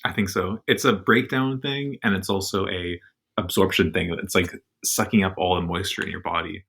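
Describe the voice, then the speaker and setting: A very low-pitched man with a nasal voice, trading wisecracks as a podcast co-host. His delivery is laid-back and casual, with easy banter. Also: steady tone, normal speed, a bit bright, husky.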